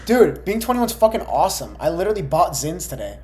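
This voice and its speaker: A man's voice: a little high, sing-song, a little fast, heavy background noise. A man in his early twenties chatting casually with frat-bro swagger, slangy and profane, telling boastful stories. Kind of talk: casual chat, bragging anecdotes.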